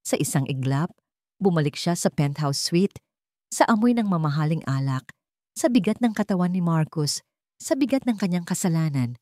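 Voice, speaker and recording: Once more the Filipino-accented narrator reads a dramatic script, now with a dark, lowish voice and lively intonation at normal speed. The sound is clean studio audio without any room tone.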